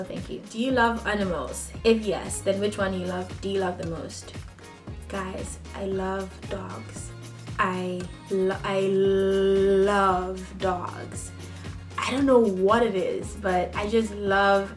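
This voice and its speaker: A young woman raised in Ghana, chatting casually to her camera as a vlogger while answering tag questions, talking straight to her viewers with laughing asides. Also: mid-range voice. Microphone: camera on a table.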